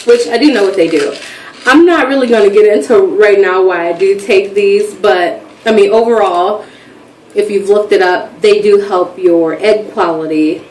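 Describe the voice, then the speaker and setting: A woman's voice: mid-range voice, moderate pace, distant mic. Rambling thirtysomething woman vlogger, heard a little off mic in a roomy space. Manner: chatty, rambling, animated storytelling. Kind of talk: casual chat. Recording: echoey room, voice from off mic, faint background noise.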